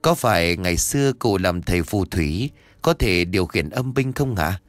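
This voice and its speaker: A man voicing a cheeky, flattering young male ghost who talks politely and pleadingly to an elder. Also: low-pitched, normal speed, no room sound, soft background music.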